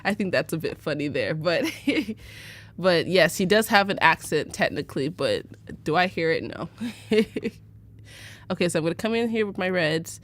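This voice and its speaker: A young American woman from Arizona runs a casual livestream teaching photo editing, chatty, full of fillers, and quick to laugh. Her voice is fairly low but animated, at a normal speed.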